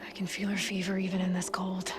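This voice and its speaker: Aloy, steady young huntress, played by an actress. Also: female voice, fairly low pitch, fast, over music, natural voice. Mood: steady, concerned. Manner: plain-spoken, matter-of-fact. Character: young outlander huntress, steady, caring, dryly wry. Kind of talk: video game cutscene acting.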